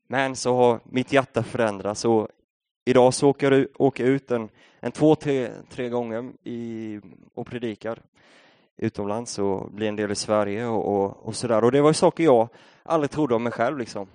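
Swedish preacher with a dry close sound. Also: male voice, mid-range voice, darkish tone, no room sound. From Sweden. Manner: conversational storytelling, rising to rousing exhortation. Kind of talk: sermon.

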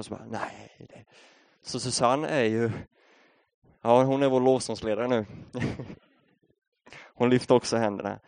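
Swedish preacher with a dry close sound. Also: male voice, mid-range voice, darkish tone, no echo. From Sweden. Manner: conversational storytelling, rising to rousing exhortation. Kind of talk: sermon.

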